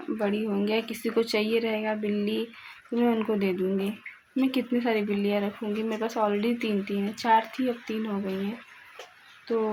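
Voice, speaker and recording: A woman's voice: medium pitch, darkish tone, slight background noise, rough recording. A young woman chatting casually in a home vlog, repeating herself as she talks about a kitten she found. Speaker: vlogger. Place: at home, near a railway line.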